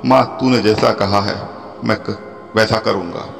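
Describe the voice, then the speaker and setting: A humble young man speaks softly and tenderly, his low voice unhurried, as a storyteller puts him on. A long reverb trails each phrase. Quiet music sits beneath. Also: fairly even intonation, vocal fry. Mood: tearful. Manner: soft, slow and tender. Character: gentle, humble young man helping an elder.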